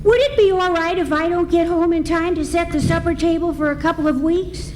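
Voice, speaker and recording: A woman's voice: very high voice, fairly quick, a little mellow. A woman playing an eager, wholesome young orphan girl in an old-time radio serial, earnest and folksy. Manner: folksy, earnest, chipper exclamations. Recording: faint background noise, live event.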